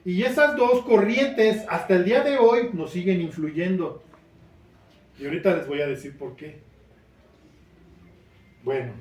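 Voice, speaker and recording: A man preaches a sermon as pastor in a church hall, earnest and building toward emphatic questions. His high, slightly mellow voice moves a little slowly and pauses often. A distant mic gives the recording a roomy church sound.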